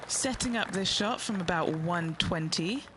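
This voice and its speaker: A woman's voice: on the low side, unhurried, background noise, close to an everyday voice. A woman voicing a chatty on-course golf commentator with informal reactions. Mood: chatty, engaged. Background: music.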